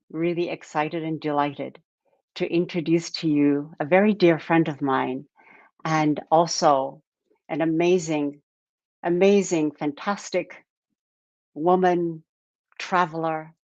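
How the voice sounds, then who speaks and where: A woman from Japan hosting a live-stream talk, speaking in an unhurried way with many fillers and repeated words. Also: low voice, darkish tone, no room sound. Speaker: live stream podcast host. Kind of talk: slow casual live-stream introduction. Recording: dull lo-fi dry sound.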